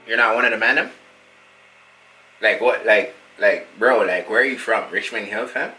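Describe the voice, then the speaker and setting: A man doing a brash young street rapper. His voice is bright and punchy, with music playing faintly behind him. He rambles through heavy slang and keeps asking the listener whether they get him. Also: lowish voice, normal speed, low-quality recording. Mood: indignant. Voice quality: slang-heavy rambling with endless filler tags. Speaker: musician being interviewed. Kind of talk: comedy sketch.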